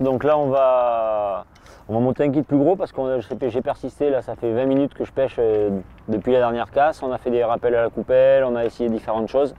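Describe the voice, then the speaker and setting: A man commenting casually while fishing at a pond, relaxed and hesitant, often restarting his sentences. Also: mid-range voice, dull audio. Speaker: fishing angler presenter. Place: outdoors by a pond.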